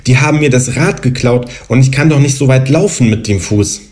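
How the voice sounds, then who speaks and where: A man reading aloud voices a young female student with a sharp, defiant tone, raising his voice for her. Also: medium pitch, a little fast, pitched above the performer's own voice, natural voice.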